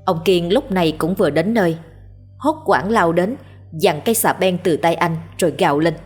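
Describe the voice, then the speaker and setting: A woman narrating a ghost story in a steady, measured way. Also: lowish voice, breathy edge. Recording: faint background music.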